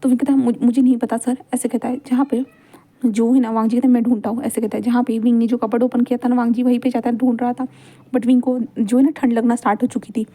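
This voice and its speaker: A woman's voice: fairly high pitch, little pitch movement, quick pace, warm tone. A woman casually narrating a fan-fiction love story, with loose run-on sentences and many fillers.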